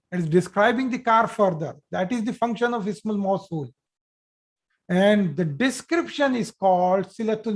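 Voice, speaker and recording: Male online language teacher, high voice, patient and repetitive, video-call sound. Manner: patient, repeats each sentence slowly then explains. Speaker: Arabic teacher. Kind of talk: live online grammar lesson.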